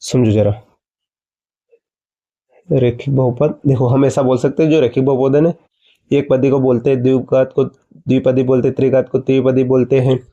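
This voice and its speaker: A man's voice: medium pitch, level tone, normal speed, long pauses, mellow, lo-fi sound. A man teaching a maths lesson, explaining step by step and asking his students questions before answering them himself. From India.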